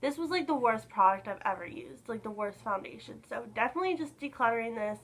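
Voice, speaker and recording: Chatty young woman, slightly hoarse. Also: fairly high pitch, animated, fast, a bit bright, rough recording. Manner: chatty, lots of "like" fillers. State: a little hoarse from being sick. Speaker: beauty vlogger. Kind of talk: casual chat to camera.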